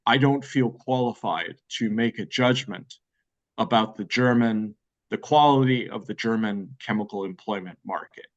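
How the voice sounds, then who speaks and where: A man's voice: fairly low pitch, moderate pace. Hedging American man, lo-fi audio. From United States. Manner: thoughtful, hedging, many fillers and restarts. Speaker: guest expert. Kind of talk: podcast interview answer.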